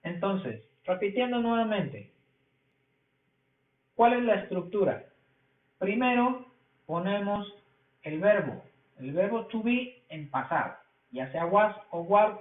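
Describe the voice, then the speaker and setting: A man with a Mexican Spanish accent teaching an English grammar lesson, explaining slowly and repeating each point. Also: high voice. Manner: slow, repetitive explaining. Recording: echoey, phone-like lo-fi sound.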